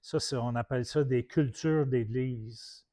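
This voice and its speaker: In an unhurried, warm voice of medium pitch, a Québécois-accented man from Quebec preaches. He teaches through anecdotes in a colloquial storytelling manner, restarting his sentences often.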